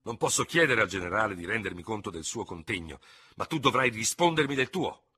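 A man voicing a small, hot-tempered Gascon hussar lieutenant who shouts and hisses in fury. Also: on the low side, lively intonation, fairly quick, breathy edge, voice pushed up, exaggerated voice. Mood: angry. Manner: shouting, hissing, ranting. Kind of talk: audiobook character reading.

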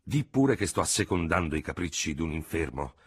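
A steady grey-haired army surgeon, voiced by a male reader, who gives his advice in a measured, even way. The voice sits low and husky, and it still moves with a lively rise and fall. It sounds like an audiobook reading. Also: full character voice. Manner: measured, level-headed advice.

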